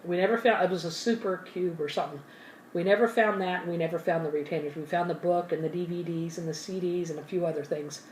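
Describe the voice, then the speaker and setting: A woman's voice: on the low side, steady tone, fast talker, a little mellow, a little hiss or hum. Woman, casual rambling storyteller, eats between sentences, talks with mouth full, distant mic, roomy echo. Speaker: ASMR channel host. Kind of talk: casual storytelling while eating. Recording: roomy and from the mic, faint ambience.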